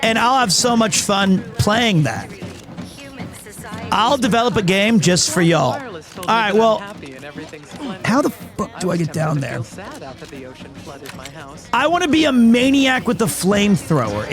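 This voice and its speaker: A man's voice: high-pitched, sing-song, unhurried, long pauses, music in the background. A man chatting casually on a game livestream in a playful, performative way as a streamer. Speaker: streamer and voice actor.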